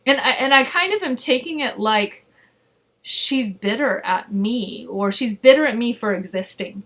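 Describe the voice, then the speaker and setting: A woman's voice: fairly high pitch, animated, measured pace, a bit bright. A woman in casual chat, talking loosely with lots of "like" and frequent laughter. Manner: chatty, laughs often, lots of "like".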